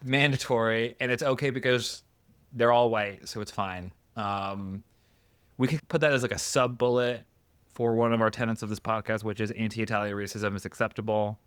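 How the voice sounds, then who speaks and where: A man's voice: lowish voice, fairly even intonation, moderate pace, a bit bright, clean tone, no echo. A man hosting a podcast, chatting casually with jokes and rambling asides on a close mic. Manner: joking, rambling, trailing off into asides. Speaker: podcast host. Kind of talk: casual chat.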